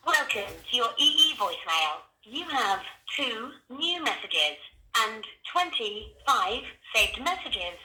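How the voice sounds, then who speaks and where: A recorded female voicemail voice announces messages in a clipped, slow, lively-pitched way over the phone. Her tone is very bright and fairly high, with room echo, faint hiss and clicks behind it. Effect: automated voicemail prompt over a phone. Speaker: automated voicemail system.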